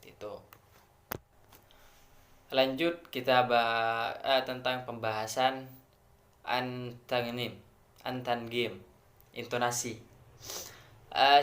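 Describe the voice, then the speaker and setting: A man's voice: medium pitch, a bit bright, reverberant. A man with an Indonesian accent giving an academic presentation as a student, explaining step by step with frequent hesitations. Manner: measured, explains step by step with many fillers.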